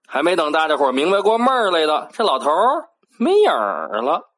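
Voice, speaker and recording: Lively Beijing-accented folk storyteller. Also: mid-range voice, fairly quick, background noise. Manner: lively storytelling with vocal sound effects and playful asides. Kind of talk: old Beijing folk tale narration.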